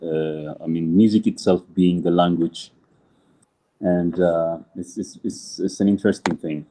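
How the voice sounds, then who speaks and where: Middle-aged man, very deep voice, warm dark tone, halting speech with many fillers, video call chat. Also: fairly even intonation, a little hiss or hum. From Ethiopia. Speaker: musician and music teacher. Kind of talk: casual interview chat.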